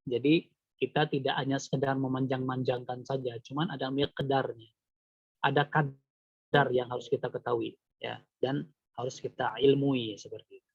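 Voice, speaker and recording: A man's voice: medium pitch, fairly even intonation, normal speed, gravelly, breathy edge, no echo, lo-fi sound. A man teaching Quran recitation rules one-on-one in an online lesson, patiently quizzing his student with repeated questions. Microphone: video call.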